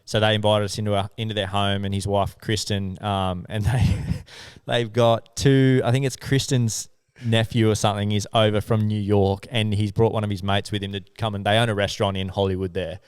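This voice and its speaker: A young man with an Australian accent tells stories on a podcast in a loose, sweary way. His voice sits low and sounds clean and smooth, recorded dry and close. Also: brisk, hardly any pauses, no room sound. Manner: laid-back, swears often, animated when telling stories. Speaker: podcast co-host. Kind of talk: casual storytelling chat.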